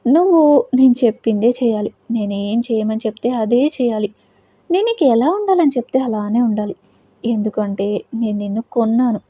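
A woman's voice: fairly high pitch, dark tone, dry recording, natural voice. A woman voicing a cold, domineering young husband in a storybook audio drama. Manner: cold, commanding.

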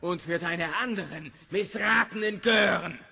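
An actor playing a brutish, bullying rich husband in an audio drama, sneering and menacing. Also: male voice, high-pitched, unhurried, vocal fry, pushed and bright, husky, heavily acted.

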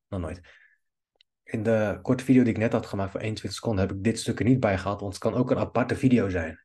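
A man's voice: on the low side, mellow, husky. A man giving a video editing tutorial, talking in long rambling asides while he clicks through cuts at his computer. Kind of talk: screen-recorded editing tutorial commentary.

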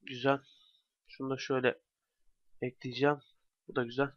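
A man's voice: mid-range voice, level tone, moderate pace, dry recording. A young man giving casual let's play commentary, talking to himself with bursts of exasperation. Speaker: gamer commentator. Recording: dry, dull lo-fi home mic.

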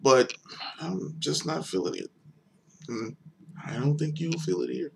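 A man's voice: a little high, unhurried, gravelly, a little hiss or hum. A young man giving a casual, rambling beer review on video, hesitant and full of fillers.

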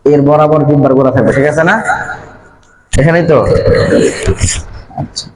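A man's voice: fairly high pitch, fairly even intonation, quick pace, heavy background noise. A male madrasa teacher giving a Quran pronunciation lesson, asking the class questions and repeating the answers. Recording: echoey room with a crowd of students. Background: students chanting along.

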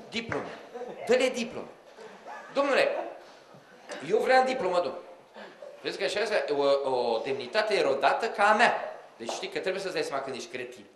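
A man telling comic stories to a live audience, acting out the people in them and talking to the crowd. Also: high-pitched. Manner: animated, acts out quoted voices, addresses the audience directly. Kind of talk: live comic storytelling monologue. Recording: roomy hall, audience audible.

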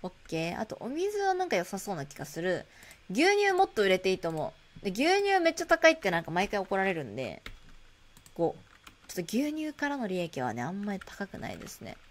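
A woman streaming a shop management game, chatting casually to herself and greeting customers in a bright shop-clerk voice. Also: mid-range voice, huge pitch swings, fairly quick. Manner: chatty, playful, talks to herself while playing. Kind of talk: casual gameplay commentary.

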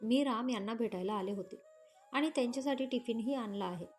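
A woman's voice: on the high side, brisk, a little mellow, soft background music, close to an everyday voice. A woman voicing a loyal young woman who stands up for her friend in a firm, indignant tone.

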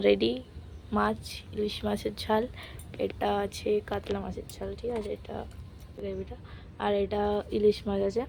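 Young woman, raspy fry in the voice, casual kitchen vlog, faint frying sizzle behind. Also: medium pitch, a little mellow, a little hiss or hum. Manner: chatty, explains each cooking step to viewers. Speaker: home cooking vlogger. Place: home kitchen during festival cooking.

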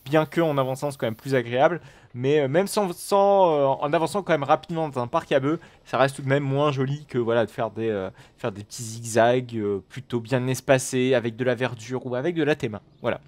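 A man giving live commentary on a game, excitable and rambling, with frequent swearing and exclamations. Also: mid-range voice, a little fast. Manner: rambling with many fillers and restarts. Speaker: gaming video host.

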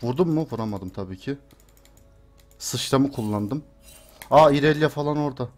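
A man's voice: mid-range voice, normal speed, faint music behind. A young man streaming a video game, muttering and cursing to himself, then shrieking in panic when chased. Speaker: gameplay streamer. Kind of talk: live game commentary.

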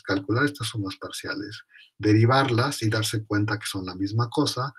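Husky man rambling through a math lecture. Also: lowish voice. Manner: thinks aloud, self-correcting, chatty.

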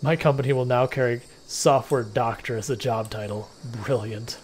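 A man's voice: mid-range voice, fairly even intonation, moderate pace, darkish tone, a little hiss or hum. A man casually chatting and joking while he livestreams a video game. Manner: rambling, joking, conversational. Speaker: game streamer. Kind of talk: casual chat while gaming.

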